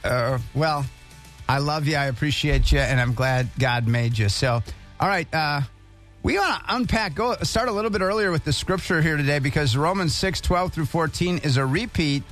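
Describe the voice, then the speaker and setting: A male radio host with a somewhat high voice, chatty and joking. He reads passages aloud and keeps breaking in with asides. Faint music plays under the broadcast. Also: moderate pace, a bit bright. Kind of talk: casual radio chat.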